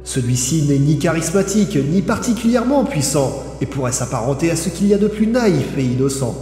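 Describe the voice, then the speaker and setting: Over background music, a man with a brisk, animated, high-leaning voice and dark tone reads a scripted video essay. His delivery is playful and theatrical, like telling a story.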